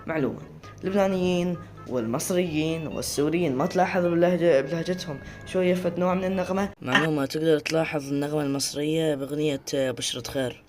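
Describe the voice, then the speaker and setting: A man with an Iraqi accent chats to camera at a quick clip, his voice sitting a little high. He rambles and often cuts off a word to start it again. Soft music plays faintly behind him. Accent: Iraqi Arabic. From Iraq. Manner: rambling, chatty, often breaks off and restarts words. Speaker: video creator. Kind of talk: casual talk to camera.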